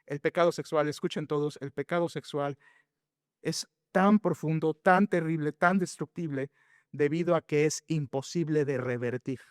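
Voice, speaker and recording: Standing in a church sanctuary, a pastor preaches an expository sermon in a voice on the high side at a moderate pace. The recording is dry and studio quality yet has a long reverb tail. Earnest and emphatic, he addresses the congregation directly and often poses rhetorical questions.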